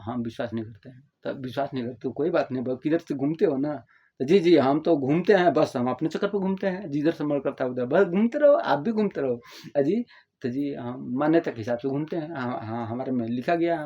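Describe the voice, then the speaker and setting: Older man, casual rambling explanation, slightly high voice, dull lo-fi sound. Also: darkish tone. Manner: rambling, repeats words, plays out imagined listeners' replies; addresses listeners as "babu". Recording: dull lo-fi audio.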